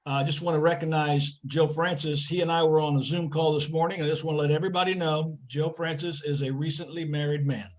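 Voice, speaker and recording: A man's voice: on the high side, flat delivery, fast, few pauses, slight background noise, rough recording. Friendly male co-host on a call. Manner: friendly, introduces others. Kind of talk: casual video call chat. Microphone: video call.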